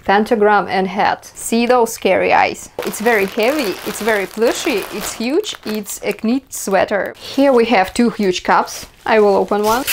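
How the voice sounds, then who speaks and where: A young Russian vlogger with a Russian accent chats casually while unboxing a haul in her small bedroom, marvelling at each item. Her voice is medium-pitched, with a little hiss or hum on the recording.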